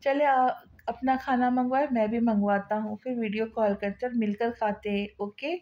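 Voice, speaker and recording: A woman reading the lines of a young man who is a tender, devoted lover, in a soft, coaxing way. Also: a little high, fairly even intonation, normal speed, lo-fi sound, close to an everyday voice. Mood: doting.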